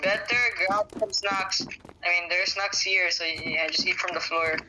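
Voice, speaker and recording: A woman's voice: lowish voice, steady tone, normal speed. A young woman chatting playfully while gaming with a friend, teasing him as they play. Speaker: gamer. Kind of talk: casual gameplay chat. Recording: faint background noise.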